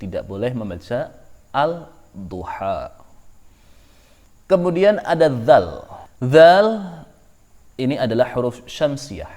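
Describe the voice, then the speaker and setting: Slow, patient man teaching. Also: medium pitch, very animated, darkish tone. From Indonesia. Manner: slow, patient, repeats each rule. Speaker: Quran recitation teacher. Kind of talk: tajwid lesson.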